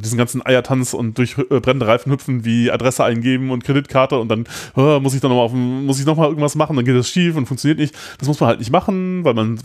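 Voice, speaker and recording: A man's voice: medium pitch, darkish tone. Rambling German man chatting on a podcast. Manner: rambling, many fillers and restarts. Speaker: podcast co-host. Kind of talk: casual tech podcast chat.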